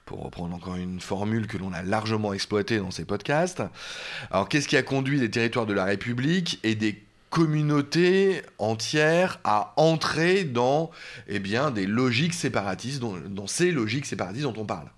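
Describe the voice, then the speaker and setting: A man hosting a podcast, asking measured questions and reformulating what his guest says. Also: on the low side, animated. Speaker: podcast host. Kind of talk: interviewer questions.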